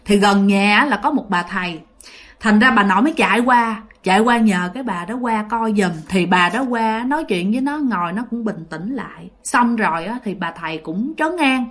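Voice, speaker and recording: A woman tells ghost stories in a chatty, casual storytelling style, talking straight to her listeners and using lots of fillers. Her medium-pitched voice has lively intonation and is a bit bright, at a moderate pace.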